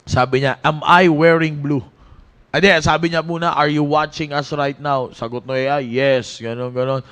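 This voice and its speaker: A man's voice: mid-range voice, moderate pace, clear, resonant tone. A man preaching a casual, joking sermon to young people in a church. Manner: animated, joking storyteller who breaks into laughter. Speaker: youth preacher.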